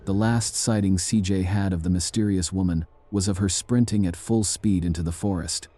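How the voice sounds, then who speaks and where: Deep, dark-toned male narrator. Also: steady tone. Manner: measured, ominous storytelling. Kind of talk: scripted narration.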